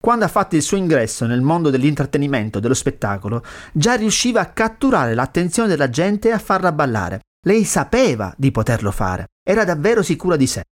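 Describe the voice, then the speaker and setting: A man hosting a radio show, narrating in an expressive storytelling manner. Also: fairly high pitch, a little fast. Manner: expressive storytelling, dramatic reading of lyrics. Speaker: radio host.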